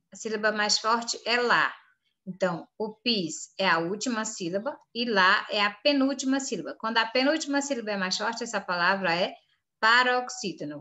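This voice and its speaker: Bright-voiced Brazilian woman teacher. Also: medium pitch, expressive, normal speed. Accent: Brazilian Portuguese. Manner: firm, repeatedly urging students not to make mistakes. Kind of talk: reading through an exam for pupils.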